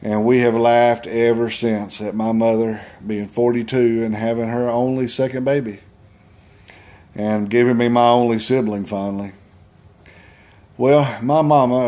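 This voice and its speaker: Folksy Southern man telling funny stories. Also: mid-range voice. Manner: folksy, deadpan humor with acted-out quotes. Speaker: storyteller. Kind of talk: stand-up storytelling.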